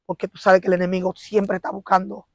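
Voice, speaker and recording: Woman telling her church testimony, animated, acts out the arguments, dry close sound. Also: mid-range voice, fast talker, no room sound. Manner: animated storytelling, acting out quarrels and prayers. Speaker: interview guest giving a testimony.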